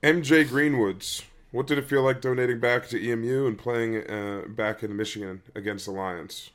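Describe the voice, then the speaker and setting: A man's voice: medium pitch, fairly even intonation, normal speed. A man, co-hosting a podcast in casual chat and reading out questions.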